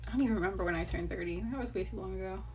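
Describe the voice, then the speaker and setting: A woman's voice: mid-range voice, very fast, background noise. Chatty woman in her thirties, rambling. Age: 30s. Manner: chatty, rambling, laughs often, swears casually. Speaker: TikTok live crafter. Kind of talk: casual chat while crafting. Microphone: phone.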